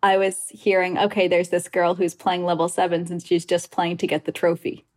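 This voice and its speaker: Her voice lowish, a little mellow, and totally flat, a woman hosts a podcast at normal speed. She begins with a scripted intro and then chats with her guest, recounting hearsay and dropping in quoted asides.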